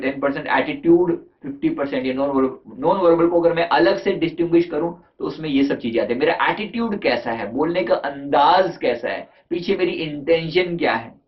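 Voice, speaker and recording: In a dull lo-fi recording, a life coach with a fairly high-pitched voice delivers a chatty motivational talk on communication. He throws rhetorical questions at his audience and slips in English terms.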